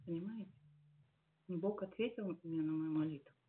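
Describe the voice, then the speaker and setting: A woman in her late forties giving a heartfelt church testimony, earnest and musing, with many pauses and fillers. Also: on the low side. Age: 40s. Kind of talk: personal testimony at a service. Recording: tinny phone-like sound.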